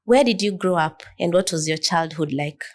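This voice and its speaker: Woman, young adult, from Kenya, interview host, slightly low pitch, poised questions. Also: moderate pace. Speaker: podcast host, lawyer. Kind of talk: interview hosting.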